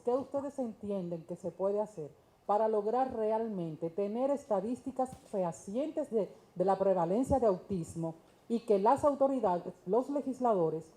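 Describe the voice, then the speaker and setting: Measured woman host. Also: mid-range voice, mellow, rough recording. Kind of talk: TV interview question.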